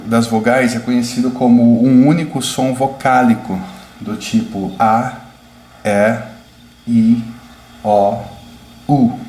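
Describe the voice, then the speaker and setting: Slow, deliberate male language teacher. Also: medium pitch, a little mellow. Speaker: English teacher. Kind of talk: explaining pronunciation to a class. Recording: echoey room with faint background noise.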